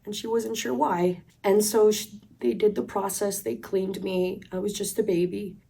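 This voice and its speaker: A woman from Colombia sharing a personal faith testimony in a reflective, earnest way, with pauses. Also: medium pitch, steady tone, gravelly, husky. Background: soft instrumental music.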